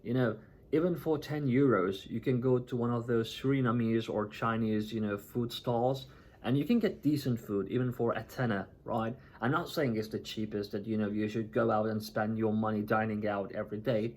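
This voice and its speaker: A man's voice: fairly low pitch, fairly even intonation, moderate pace, a little mellow. A man from Turkey talking casually to the camera as a vlogger, chatty and often checking in with "right?" and "you know".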